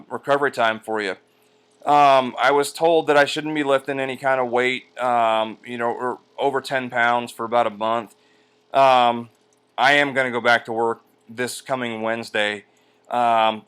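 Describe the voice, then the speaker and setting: A man talking casually in a personal vlog, halting with drawn-out hesitations, sore and medicated as he rests after surgery. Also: mid-range voice, a bit bright, clean tone. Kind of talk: casual personal vlog, recounting his experience. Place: indoors at home on a couch by a window.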